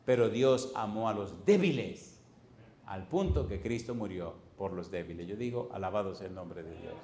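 A man's voice: deep voice, normal speed, a little mellow. Emphatic older male preacher, echoey hall. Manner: emphatic, repetitive, rhetorical questions to the congregation. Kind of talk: sermon.

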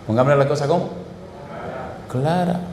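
A man preaching a sermon, firing rhetorical questions at the congregation and stretching key phrases slowly. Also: vocal fry, a little mellow, a little hiss or hum. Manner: emphatic, call-and-response questions to the congregation; sweeping pitch swings and slow stressed phrases. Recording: echoey hall with reverb.

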